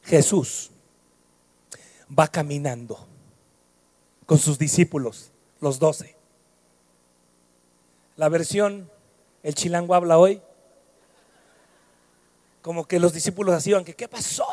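A middle-aged man with a Mexican accent preaching a sermon, switching between shouted, singsong passages and quiet storytelling. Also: on the high side, steady tone, takes it slowly, pauses often, no echo.

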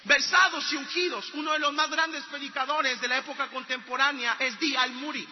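High-voiced man preaching in a reverberant hall. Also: steady tone, fairly quick, dull audio. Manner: earnest storytelling that builds to loud exhortation. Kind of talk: storytelling sermon.

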